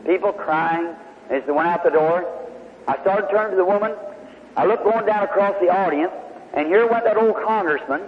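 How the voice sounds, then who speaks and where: A man's voice: high voice, normal speed. A man preaching to a congregation, telling a healing story in a folksy, homespun way. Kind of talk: sermon testimony storytelling. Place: large hall before a congregation. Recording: tinny old hall recording with faint hiss.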